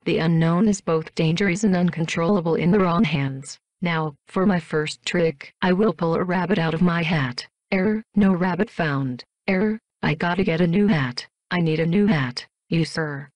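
A woman's voice: on the low side, normal speed, hardly any pauses, darkish tone, no room sound. A woman voicing a showy robot stage magician in a game clip, with a robotic synthetic voice and grand announcing manner that breaks into error glitches. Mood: theatrical.

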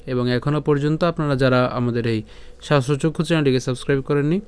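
A man with a Bengali accent teaching scripture pronunciation, breaking verses into syllables, asking rhetorical questions and chanting lines slowly. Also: mid-range voice, fairly even intonation, clean tone. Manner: patient, repeats syllables and asks rhetorical questions.

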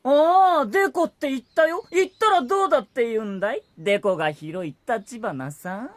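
A voice actor playing a teasing teenage schoolboy in an anime drama CD, mocking and playful. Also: male voice, very high voice, normal speed, no room sound. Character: teasing teen schoolboy, gleeful troublemaker.

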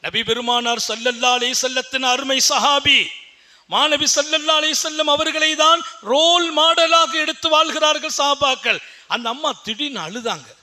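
A man delivering a sermon in a very high, sharp and ringing voice. He drops to a hushed tone for stories, then climbs into loud exhortation, pressing his point with repeated phrases and rhetorical questions. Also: steady tone, normal speed. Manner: swings between hushed low storytelling and loud high-pitched exhortation; uses repetition and rhetorical questions. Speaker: Islamic preacher.

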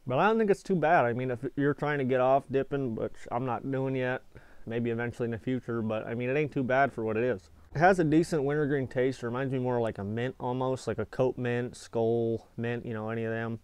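Casting: American male, 20s, laid-back video reviewer with folksy grammar, clear smooth voice in a dry space, speaking around a lip full of dip. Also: medium pitch, a little fast, darkish tone, no room sound. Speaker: product reviewer, video channel host. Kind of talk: casual chat to camera. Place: small indoor space with foil-insulated walls.

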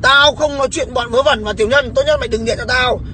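A man's voice: very high voice, fast, bright, forceful tone, slight background noise. A man livestreaming a heated phone call, mocking and swearing at the caller in a sarcastic, taunting way.

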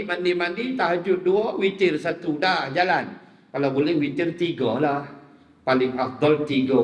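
A man with a northern Malaysian accent, preaching a sermon as a lively storyteller who jokes with his audience. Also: on the high side. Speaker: religious preacher. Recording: reverberant hall.

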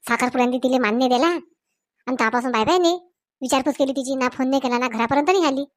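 A woman playing a nagging middle-aged mother-in-law in a comedy sketch, sharp and scolding, with a Varhadi Marathi accent. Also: sits high, fast talker, dry recording, studio quality, natural voice.

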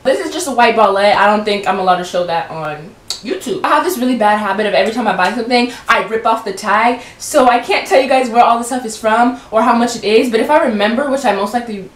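A woman's voice: a little high, fast, roomy sound, a little hiss or hum. A young woman chatting casually through a clothing try-on haul, giggly and often stumbling over her words. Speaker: vlogger.

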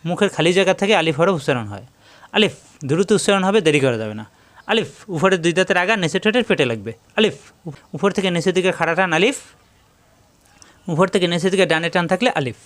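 A man's voice: on the high side, fairly bright tone, dry recording. Patient man teaching Quran reading. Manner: slow, patient, repeats each rule. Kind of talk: tajweed lesson.

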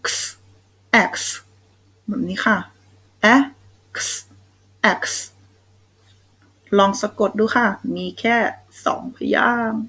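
A woman's voice: mid-range voice, fairly even intonation, moderate pace, few pauses, fairly bright tone, breathy edge, poor audio. A young Thai woman teaching children English phonics, sounding out letters one at a time and praising them. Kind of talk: slow, patient phonics lesson for kids.

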